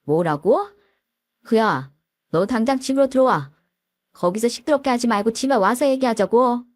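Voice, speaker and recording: A woman's voice: fairly high pitch, lively intonation, normal speed, dry recording, clean studio sound, voice pushed up. A woman voicing an angry husband who barks and scolds. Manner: barking, scolding. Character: angry husband defending his family.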